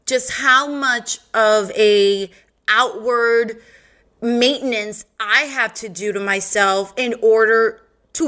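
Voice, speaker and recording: Sassy Valley Girl podcast host, bright voice. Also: fairly high pitch. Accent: Californian Valley Girl. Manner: sassy, profane, sing-song with playful quoted voices. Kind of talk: casual monologue.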